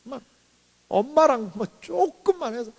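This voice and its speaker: Korean man preaching, very high voice. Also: a little slow, gravelly. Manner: animated preaching with rhetorical questions and acted-out stories. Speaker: pastor. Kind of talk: sermon. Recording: long reverb in a church hall.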